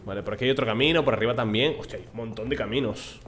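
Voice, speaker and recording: A man's voice: mid-range voice, rapid-fire, a bit bright, a little hiss or hum. Spanish-accented man muttering through a game. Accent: Spain Spanish. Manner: chatty, muttering to himself, swearing casually. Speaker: gameplay streamer. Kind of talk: casual let's play commentary.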